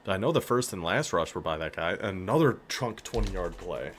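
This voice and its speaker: A man with a northern American accent giving casual, excitable commentary on his football video game, hyping up his players and laughing often. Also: low voice, normal speed, slight background noise. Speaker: gaming YouTuber.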